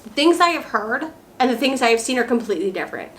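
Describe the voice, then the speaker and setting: A woman's voice: on the high side, very animated, fast, fairly bright tone, slight background noise. A tipsy woman chatting casually and playfully as she co-hosts a travel vlog Q&A. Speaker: travel vlogger. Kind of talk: casual chat, Q&A.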